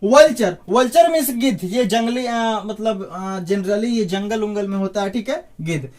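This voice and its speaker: Male teacher, fairly high voice, casual lesson delivery, asks the viewer questions as he goes. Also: normal speed, darkish tone. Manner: chatty, joking asides, asks the listener questions. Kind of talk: informal spoken lesson.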